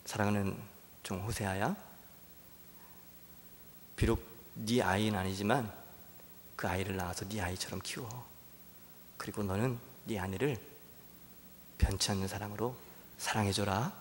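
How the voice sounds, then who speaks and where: Brief: God, played by a male preacher. Soft, low, near-whispered tenderness in a reverberant church. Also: fairly even intonation, slight background noise, lightly acted. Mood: tender. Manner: hushed, soft and slow, sometimes near a whisper. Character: gentle tender God speaking to his servant. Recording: long church-hall reverb.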